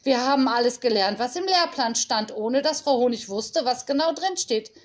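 A woman's voice: fairly high pitch, expressive, normal speed. A woman reading aloud and voicing a clever, cheeky schoolgirl who talks eagerly.

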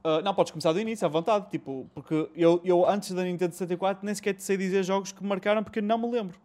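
High-pitched yet darkish in tone, this man talks very fast with a steady tone and a European Portuguese accent. Hosting a relaxed chat about retro games, he leans on slang, swears, and mixes in English phrases.

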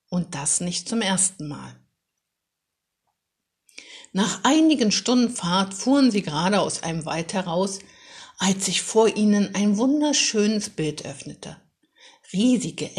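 A woman reading a children's story aloud in a calm, measured and expressive way. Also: fairly low pitch. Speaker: narrator.

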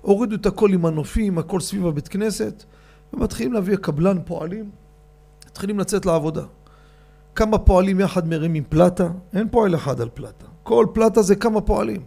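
High, gravelly-voiced man preaching. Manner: animated, addresses the audience directly. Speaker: rabbi giving a lecture. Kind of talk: storytelling sermon.

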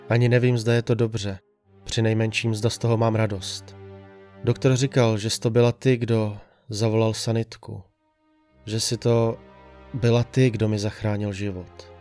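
A man's voice: on the low side, a little mellow, natural voice. A man playing a sedated, despairing patient strapped to a hospital bed, speaking in a subdued, weary, grave audio drama monologue with a dry throat. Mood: bitter. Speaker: hospitalized man telling his story. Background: faint background music.

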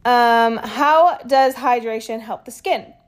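A woman reading a skincare explainer in a steady way, with small stumbles and casual asides. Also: on the high side, slow. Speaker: skincare educator.

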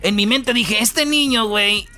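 A man's voice: high-pitched, unhurried, pushed and bright, faint music behind. Rowdy Mexican male radio host. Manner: rowdy, joking, slangy storytelling with put-on voices. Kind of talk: comedic radio banter.

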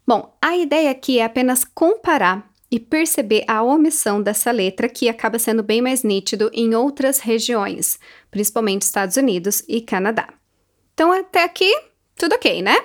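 A woman giving a pronunciation lesson, slowly modeling words for the listener to repeat. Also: on the high side, lively intonation. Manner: slow, clear, modeling words for repetition. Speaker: English teacher.

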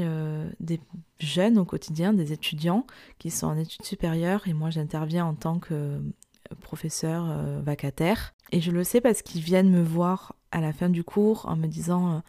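Female podcast host, young adult. Lowish, warm morning voice, conversational and reflective, telling a personal story informally. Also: no room sound, studio quality. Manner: informal, reflective, direct address to the listener. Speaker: podcast host, entrepreneur and part-time lecturer.

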